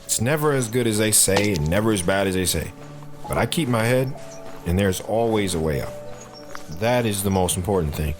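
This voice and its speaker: In an audio drama, a man with a lowish, expressive voice plays a protective soldier father, speaking to his daughter at a normal pace with patience and earnestness, lightly acted. The mood is earnest and grave, and music plays behind him.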